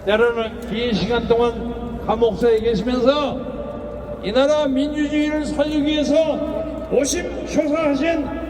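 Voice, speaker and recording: A man's voice: very high voice, fairly even intonation, unhurried. A man giving an impassioned, raised-voice political speech at an outdoor rally. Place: outdoor city street rally. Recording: noisy outdoor rally, crowd and traffic.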